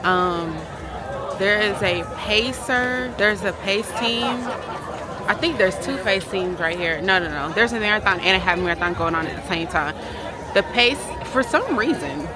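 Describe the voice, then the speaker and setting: A woman's voice: mid-range voice, lively intonation, normal speed, over music. A woman chatting casually to camera in a vlog, talking into a handheld phone. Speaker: vlogger, race participant. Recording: noisy outdoor crowd and traffic.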